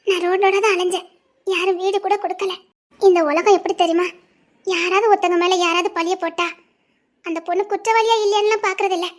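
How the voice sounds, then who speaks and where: A performer voicing an anxious young wife and former medical student with a Tirunelveli Tamil accent in a dubbed family drama, speaking with worry and earnestness. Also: very high-pitched. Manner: worried, earnest, talking plainly about past hurt.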